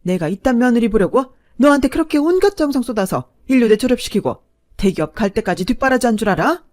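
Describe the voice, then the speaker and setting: A woman voicing a snobbish middle-aged mother who talks down to others in a shrill, domineering way. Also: expressive, fast talker, close to an everyday voice. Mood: contemptuous. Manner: shrieking, scornful, loud.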